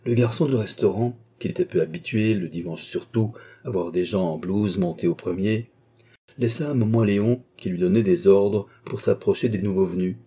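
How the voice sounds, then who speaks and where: A man reading a classic novel aloud as narrator, measured and steady. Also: fairly low pitch, husky. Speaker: audiobook narrator.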